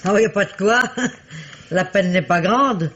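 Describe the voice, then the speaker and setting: An actress in a 1950s radio drama voices a talkative village innkeeper with a taste for gossip, her mood chatty and her acting light. She speaks a little slowly, with medium pitch and a fairly bright tone. The old radio recording sounds dull.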